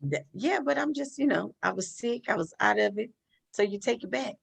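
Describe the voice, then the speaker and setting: A woman's voice: a little high, animated, brisk, gravelly, slightly rough. A woman co-hosting a casual live show, laid-back and joking. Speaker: co-host. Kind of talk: casual live-stream chat.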